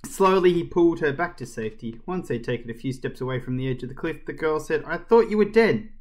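Guy reading a kids chapter book out loud, lively and expressive, average pitch. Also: fast talker. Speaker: storyteller. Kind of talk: reading a children's book aloud.

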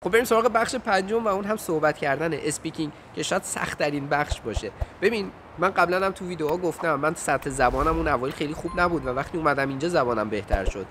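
A man's voice: on the high side, hardly any pauses, over music. A man giving informal, direct study advice to his viewers in a casual vlog.

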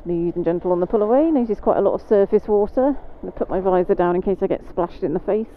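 A British woman motorcycle instructor rides on wet roads in the rain, calmly and measuredly talking through each riding step in her mid-range voice. She is recorded on a phone-like helmet mic that picks up road and engine noise.

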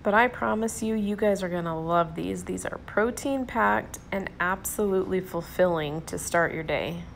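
This is a fairly low, gravelly female voice at a normal pace, with a slight hiss or hum in the audio. She's a cooking vlogger with a Southern US accent, chatting cheerfully in casual narration straight to her audience, whom she addresses as "you guys."

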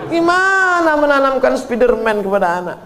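A man preaching a sermon, animated, swinging between loud exclamations and hushed murmurs. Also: very high voice, normal speed, a crowd in the background, noisy background.

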